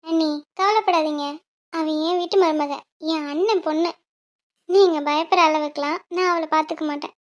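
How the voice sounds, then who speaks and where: A middle-aged aunt in a cartoon speaks in a reassuring way, voiced by a woman. Her voice is very high. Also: fairly even intonation, moderate pace. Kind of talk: cartoon voice acting.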